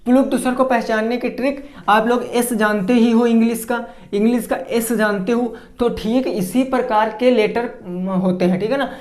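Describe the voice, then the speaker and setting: A man's voice: extremely high pitch, fairly even intonation, moderate pace, hardly any pauses, darkish tone. A male teacher giving an exam-prep grammar lesson, who asks a question, answers it himself, stretches his example words and keeps checking that students follow. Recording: echoey room.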